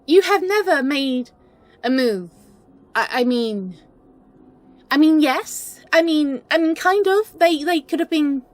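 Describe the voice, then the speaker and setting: A woman with a high-sitting voice plays a best friend in an intimate romantic roleplay, flustered, smitten and playfully plotting. Stammering in halting bursts, she conveys flustered disbelief.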